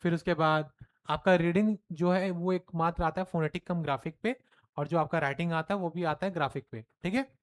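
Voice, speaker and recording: A man's voice: fairly high pitch, a little fast. Hindi-speaking male teacher, question-and-answer lecture. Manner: lively, mixes Hindi and English, asks and answers his own questions. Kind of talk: classroom lecture.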